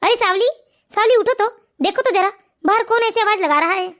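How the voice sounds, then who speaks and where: Someone voicing a fast-talking cartoon husband. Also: extremely high pitch, fairly bright tone. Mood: puzzled. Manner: pleading, hurried questions. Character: earnest grown son and husband. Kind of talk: animated cartoon voice acting.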